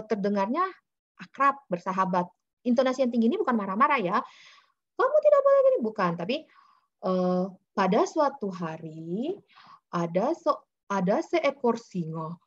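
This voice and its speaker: A woman's voice: medium pitch, muffled recording. A woman presenting slides in a webinar, explaining things patiently with many fillers and acting out little examples. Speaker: webinar speaker on child communication.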